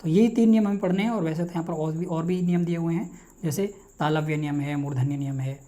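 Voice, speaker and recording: A man teaching linguistics in a quick, repetitive lecture style, asking and answering his own questions. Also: fairly high pitch, mellow. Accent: Hindi. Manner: rapid, repetitive, quizzes himself aloud. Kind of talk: online exam-prep lecture.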